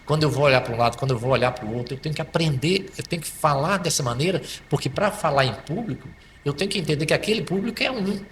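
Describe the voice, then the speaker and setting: Brazilian male psychologist guest, bright forceful voice, animated and repetitive delivery. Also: medium pitch. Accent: Brazilian Portuguese. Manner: animated, repeats and restarts words. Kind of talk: conversational explanation. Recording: faint background noise.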